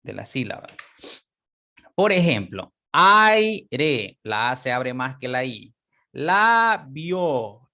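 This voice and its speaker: A man teaching a class, explaining step by step, repeating example words slowly and often checking that students follow. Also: medium pitch, a bit bright. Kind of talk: online class lecture.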